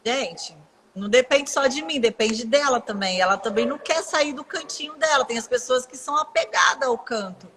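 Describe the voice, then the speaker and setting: A woman's voice: high voice, normal speed, noisy background. A Brazilian woman hosting a live video chat, speaking candidly about her own family. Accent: Brazilian Portuguese. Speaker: live host. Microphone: video call.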